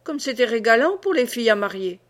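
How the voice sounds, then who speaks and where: A woman voicing a sharp-tongued, scornful peasant mother who scolds quickly. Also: fairly high pitch, animated, natural voice.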